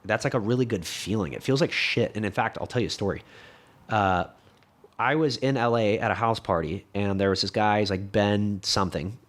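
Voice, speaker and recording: A young man with a slightly low voice and a faint lisp, chatting loosely as a podcast guest. He rambles, restarts his sentences and swears freely. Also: brisk. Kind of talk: casual conversation.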